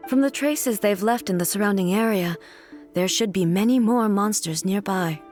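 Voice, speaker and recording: An actress voicing a calm, stern divine ruler who speaks in a measured, formal, commanding way. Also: female voice, medium pitch, soft background music, lightly acted.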